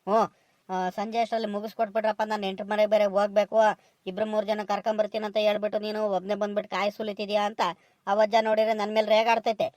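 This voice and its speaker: A woman's voice: medium pitch, flat delivery, darkish tone, no room sound, lightly acted. A woman voicing an impatient male farm foreman in a comedy cartoon, scolding in a rural southern Karnataka Kannada accent. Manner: brisk, scolding and bossy. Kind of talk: village comedy cartoon dialogue.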